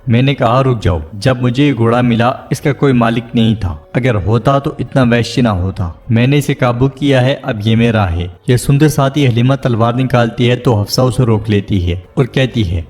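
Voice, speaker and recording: A man's voice: mid-range voice, darkish tone. A man telling an episode recap as scripted narration, reading the characters' lines in his own plain voice. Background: faint background music.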